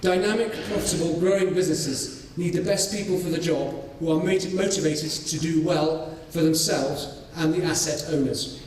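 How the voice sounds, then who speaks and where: A man from North Wales, giving a conference presentation on his farming study, measured and full of ums and restarts. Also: on the high side, a little mellow, slight background noise. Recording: echoey hall, voice from far off.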